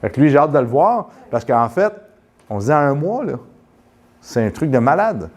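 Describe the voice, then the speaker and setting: A man with a Quebec French accent, telling a rambling, animated story full of restarts and then guiding a postural check. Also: on the high side, moderate pace. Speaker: postural therapist. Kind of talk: casual storytelling and live demonstration.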